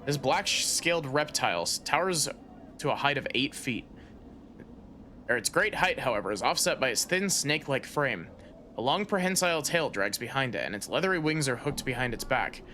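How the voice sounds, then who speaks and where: A man's voice: mid-range voice, animated, normal speed, pushed and bright. A man streaming a fantasy game, casually reading the on-screen text aloud with hesitant fillers. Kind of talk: let's play commentary, reading game text. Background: game music.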